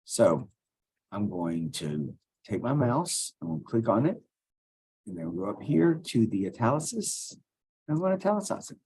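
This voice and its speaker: A man's voice: mid-range voice, big pitch swings, normal speed, a little mellow, breathy edge. A male teacher talking students through a computer task step by step, casual and thinking aloud as he clicks. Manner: step-by-step, talks while clicking. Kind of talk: screen-recorded software tutorial.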